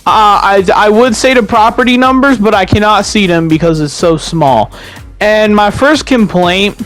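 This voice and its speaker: A young man giving casual, rambling commentary over his own farming game footage, swearing freely and restarting his sentences. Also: sits high. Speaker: gaming YouTuber.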